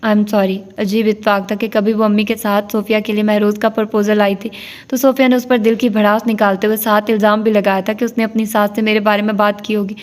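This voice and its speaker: A woman reading a novel aloud as narrator, with a steady delivery, voicing the characters in her own voice. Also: mid-range voice.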